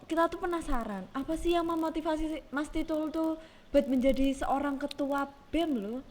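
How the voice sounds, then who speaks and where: A woman's voice: high-pitched, moderate pace, darkish tone, a little hiss or hum. A young woman hosting a casual podcast, chatty and teasing, turning often to the audience. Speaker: podcast host.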